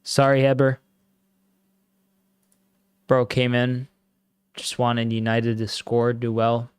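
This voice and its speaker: A man casually commenting on a football match live for his stream, slangy and excitable, breaking into loud exclamations at big moments. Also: medium pitch, slow pace, smooth, no echo.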